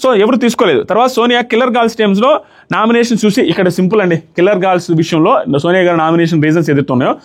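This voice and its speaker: A man's voice: sits high, rapid-fire. A man giving an argumentative, opinionated commentary on a reality show, mixing English words into his speech.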